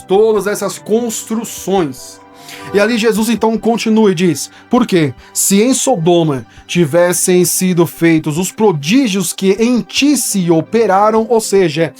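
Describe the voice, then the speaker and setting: In a high, slightly mellow voice, a paulistano preacher from São Paulo, Brazil, unpacks a Bible verse from a studio. His São Paulo Portuguese accent is clear, and he talks in a conversational teaching style that repeatedly checks in with listeners.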